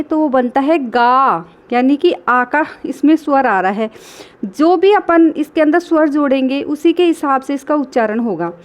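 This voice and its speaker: A woman with a high voice teaches a children's reading lesson. She sounds out each syllable slowly and patiently and keeps talking straight to the kids. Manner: addresses children directly.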